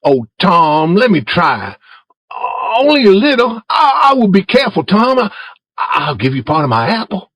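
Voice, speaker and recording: A man's voice: high voice, huge pitch swings, moderate pace, a bit bright, no echo, pitched above the performer's own voice, full character voice. A man voicing an eager young boy who teases and then begs his friend in a storybook reading. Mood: pleading.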